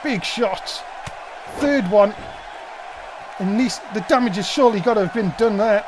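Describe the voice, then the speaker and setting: A man giving excited wrestling play-by-play commentary with dramatic, exclamatory calls. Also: sits high, unhurried, a crowd in the background, noisy background.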